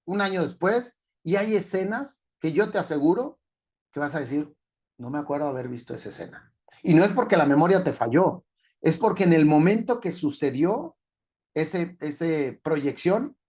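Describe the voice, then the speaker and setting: A man's voice: high voice, a little mellow, dull audio. A man giving a talk at a forum, putting rhetorical questions to the audience and explaining with everyday examples. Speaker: conference speaker.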